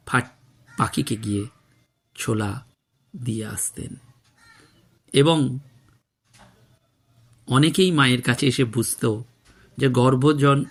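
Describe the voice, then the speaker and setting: A man with a Bengali accent delivers a devotional talk in a slow, measured way, with a gravelly, creaky edge to his voice. He tells stories with reverence and lets his pauses do the work. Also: mid-range voice, a bit bright. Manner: slow, measured, devout storytelling with quoted dialogue. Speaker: professor giving a devotional talk. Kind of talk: reflective spiritual talk.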